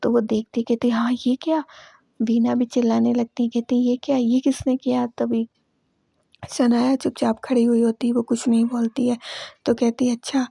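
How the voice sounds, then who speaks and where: A woman's voice: fairly high pitch, little pitch movement, moderate pace, creaky, dark tone, husky, dry recording, clean studio sound. A woman chatting through a casual recap of a TV serial episode in voice-over, retelling who said what in a talkative way. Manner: chatty, repeats "she says" and "okay". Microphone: voice-over recorded close to mic.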